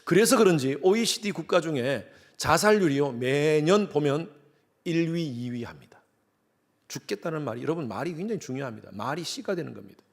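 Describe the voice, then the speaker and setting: A man's voice: on the high side, lively intonation, fairly quick, creaky. A middle-aged man from Korea, a pastor preaching a sermon in a church and acting out quoted voices with animation. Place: church sanctuary.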